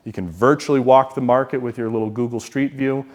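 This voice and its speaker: Energetic man giving a casual talk. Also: mid-range voice, brisk. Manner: casual, energetic, acts out quoted phone calls. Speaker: self-storage investing speaker. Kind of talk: conference talk.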